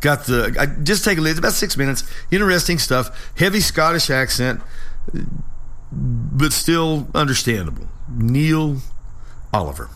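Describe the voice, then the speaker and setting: Male talk host, halting and informal. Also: fairly high pitch, big pitch swings, a bit bright. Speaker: political talk show host. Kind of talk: unscripted solo commentary.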